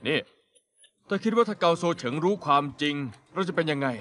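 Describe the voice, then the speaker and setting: A man's voice: fairly high pitch, brisk, fairly bright tone, a little hiss or hum, close to an everyday voice. A man dubbing a sly young man who threatens his partner in crime, in a Thai drama dub, with a taunting delivery.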